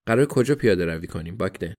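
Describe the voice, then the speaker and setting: A man voicing a composed, sharp-witted woman in an audiobook, in a calm, measured way. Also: deep voice.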